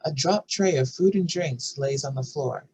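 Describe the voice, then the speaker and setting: Speaking at normal speed in a mid-range, somewhat mellow voice, a narrator works through screenplay scene headings and stage directions in a scripted style. It's a rough recording, with faint room ambience and background noise.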